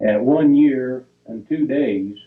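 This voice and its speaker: An older man talks through old family photos at an unhurried, plodding pace, stopping between names and dates and fixing his own slips along the way. His voice sits at an ordinary middle pitch, and the sound is thin and boxy, as if it came over a phone line. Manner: halting, reads dates piece by piece, corrects himself. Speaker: family storyteller. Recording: tinny, phone-like recording.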